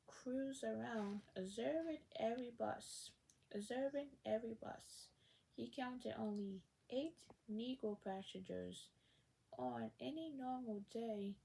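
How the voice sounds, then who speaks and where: A woman reading a children's biography aloud, slowly and haltingly, often repeating words and correcting herself. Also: a little high, creaky, noisy background. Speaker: reader.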